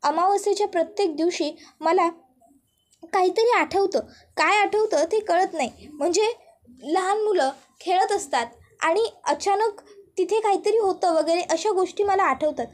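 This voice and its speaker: Woman playing a troubled young wife in a TV serial recap, earnest and pleading, voice pitched very high. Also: moderate pace.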